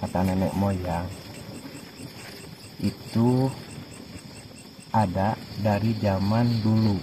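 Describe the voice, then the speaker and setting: Man, slightly low pitch, hesitant repeated words, casual local account, clear night insect noise. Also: fairly even intonation. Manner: hesitant, halting with repetitions. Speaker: local resident being interviewed. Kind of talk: casual recounting. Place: outdoors at night.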